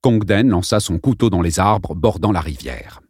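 A man reads a novel aloud with lively, shifting intonation. His voice is at a middle pitch for a man. The recording is dry and close, as in a studio booth. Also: moderate pace, husky, no echo. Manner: lively, expressive reading. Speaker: audiobook narrator. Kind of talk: scripted narration.

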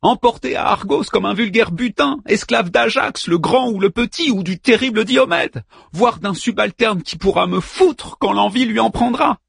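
Man voicing a young princess, desperate, high strained voice, gravelly edge, swooping pitch. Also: big pitch swings, moderate pace, dry recording, studio quality, full character voice. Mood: furious. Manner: pleading then fierce and bitter. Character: desperate young Trojan princess pleading with her husband.

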